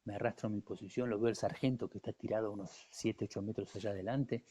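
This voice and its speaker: A man's voice: lowish voice, fairly even intonation, fast talker, mellow, slightly rough. A man in his sixties with an Argentine accent, a war veteran guest telling his story in the first person, vivid and intense, acting out other people's words. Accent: Argentine Spanish. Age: 60s.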